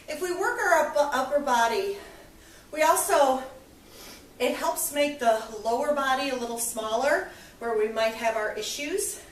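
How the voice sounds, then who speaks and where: A woman with a high, slightly bright voice runs a fitness class, counting reps with upbeat encouragement and a touch of breathlessness. The recording is echoey, and she sounds far from the microphone.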